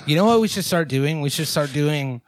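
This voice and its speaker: A man's voice: fairly high pitch, lively intonation, normal speed, dry recording. Dry-recorded man telling joking anecdotes. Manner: sweary, joking storytelling. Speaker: comedy podcast co-host. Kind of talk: casual chat and anecdotes.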